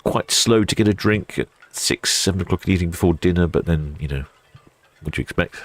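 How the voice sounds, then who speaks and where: A man's voice: deep voice, quick pace. A man hosting a livestream with casual, chatty ship-spotting commentary, musing aloud as he goes. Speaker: livestream host.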